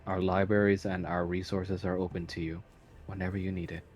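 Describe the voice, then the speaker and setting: A man's voice: low-pitched, level tone, fairly quick, a little mellow, muffled recording, natural voice. Man doing a grave, formal cleric. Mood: solemn.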